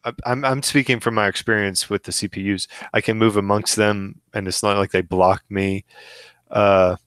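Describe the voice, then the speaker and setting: Relaxed low-voiced man chatting about games. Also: moderate pace, clean tone, dry recording. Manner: hesitant, many restarts and fillers, relaxed. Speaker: podcast co-host. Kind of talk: casual gaming chat.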